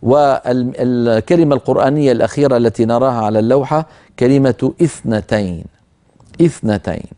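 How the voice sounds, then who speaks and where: A man's voice: medium pitch, warm tone. A man teaching the rules of Quranic recitation in a recorded lesson. He speaks methodically, tells his students to take note, and says each example word more than once. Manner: recites verse examples slowly and deliberately.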